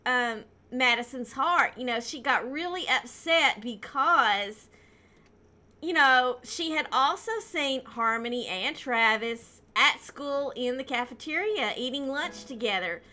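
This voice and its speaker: A woman's voice: high voice, lively intonation, slow, bright, forceful tone. A woman casually narrating a life-simulation game, telling the story in a chatty way with lots of "you know" and "um". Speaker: gameplay narrator.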